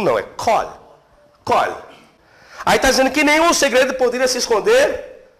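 A middle-aged man teaching theology in a seminary classroom, lively and questioning his students. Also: a little high. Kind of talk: classroom lecture.

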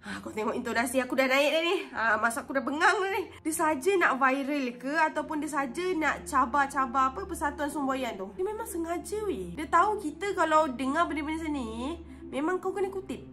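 A young woman with a Malaysian Malay accent giving animated, indignant reaction commentary on viral videos, recorded on a phone. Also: high voice, brisk.

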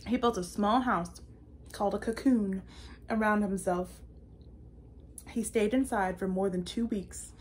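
A woman in her twenties reads a children's picture book in a playful, theatrical way for story time, in an indoor room lined with bookshelves. Her medium-pitched voice is a little mellow and a little slow, with long pauses, and there's a faint hiss or hum.

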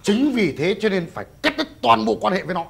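A man's voice: sits high, sing-song, fast talker, creaky, heavily acted. An actor playing an aggrieved, hot-headed man who feels cheated, talking indignantly. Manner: indignant, demanding. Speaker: comic actor. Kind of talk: comedy sketch acting.

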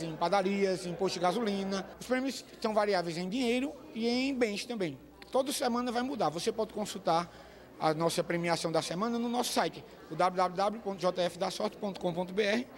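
A Brazilian man in his twenties speaks in a notably high voice. He explains practical details as a spokesman, interviewed indoors on a handheld microphone. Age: 20s. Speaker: spokesman for a prize draw. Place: indoor hall. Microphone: handheld press microphones.

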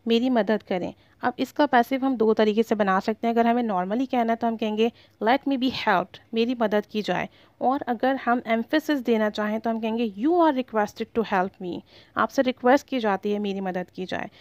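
A woman explains grammar rules at a very slow, deliberate pace. Her voice sits a little high, and each example sentence is carefully spelled out. The recording is dry and close, with no room sound. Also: darkish tone, dry recording. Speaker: English grammar teacher.

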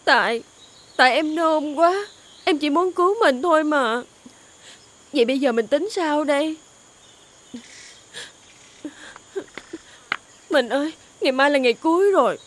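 An actress playing a devoted young wife, with a Southern Vietnamese accent and a pleading, emotional manner. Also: female voice, sits high, animated, normal speed, slight background noise. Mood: anxious. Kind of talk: TV fairy-tale drama acting.

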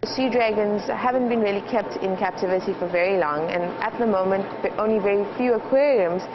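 A young adult woman, a biologist, explains in an unscripted interview, hesitating and pausing mid-sentence, on a lapel mic indoors. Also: mid-range voice. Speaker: aquarium biologist. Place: indoor aquarium exhibit area. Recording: dull audio with clear background noise.

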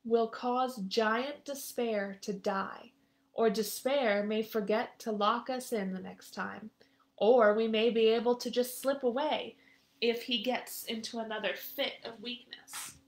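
A woman's voice: a little high, fairly even intonation, measured pace. A woman voicing a male pilgrim who earnestly encourages his suffering friend to hold on.

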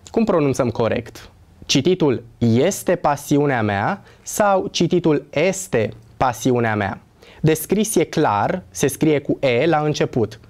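A man giving a scripted language lesson on pronunciation, slowly contrasting correct and wrong forms in a clear, explanatory teacher's delivery. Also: a little high, darkish tone. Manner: slow, deliberate contrasting of right and wrong pronunciations.

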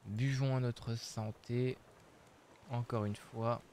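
Male game streamer, unhurried musing commentary, faint game noise behind. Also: mid-range voice, fairly even intonation, darkish tone. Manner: slow, musing, thinking aloud with many hesitations. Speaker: streamer playing a survival game. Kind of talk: casual live game commentary.

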